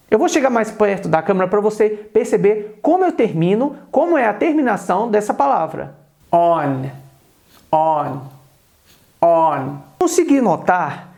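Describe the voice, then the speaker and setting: Um homem jovem do Brasil, com sotaque brasileiro, dá uma aula em vídeo de pronúncia inglesa e repete devagar cada palavra de exemplo. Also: male voice, high-pitched, a little mellow. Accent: Brazilian Portuguese. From Brazil. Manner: repeats example words slowly and deliberately. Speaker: English teacher. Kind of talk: video lesson on English pronunciation.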